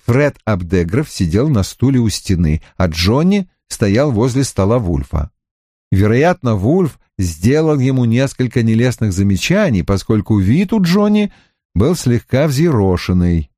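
Lively male audiobook narrator. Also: mid-range voice, unhurried, no room sound, studio quality. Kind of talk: first-person scripted narration.

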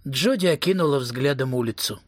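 A man narrating a novel as an audiobook reader, in an even, wry storytelling manner. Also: mid-range voice, a little fast, no echo, studio quality.

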